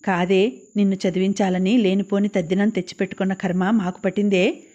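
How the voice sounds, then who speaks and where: A woman reading the lines of a protective, scolding elder sister in an audiobook novel, in an even, plain voice. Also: medium pitch, a little fast, lightly acted.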